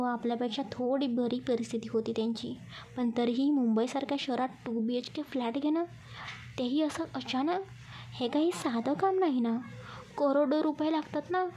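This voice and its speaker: A woman voicing a calm, caring young woman who speaks gently and patiently. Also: high-pitched, dull audio, natural voice.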